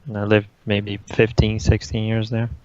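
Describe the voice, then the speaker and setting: Speaking at a normal speed with a lowish voice and totally flat delivery, this young adult guest from Brazil, whose first language is Portuguese, is an esports player fielding interview questions. He's relaxed and leans heavily on "like," and the recording sounds dull and lo-fi.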